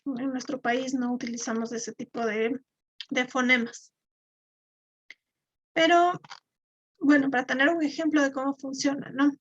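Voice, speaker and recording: High-voiced woman teaching spelling. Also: fairly even intonation, measured pace, long pauses. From Ecuador. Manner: explanatory, with fillers and repeated words. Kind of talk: live online class. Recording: dull lo-fi.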